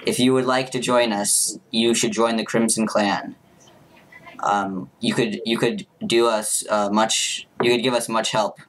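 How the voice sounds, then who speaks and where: A man's voice: lowish voice, level tone, measured pace, fairly bright tone, a little hiss or hum, rough recording. A man voicing a tall, bitter male orc recruiter in a tabletop game, speaking with grudging urgency. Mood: resentful.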